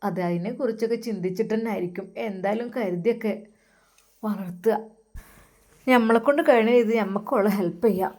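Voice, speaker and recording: A woman's voice: fairly quick, a little mellow, lightly acted. A woman voicing a loving, fretful elderly mother in a story. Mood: coaxing. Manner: coaxing, pleading, high and sing-song. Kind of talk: storytelling with acted dialogue.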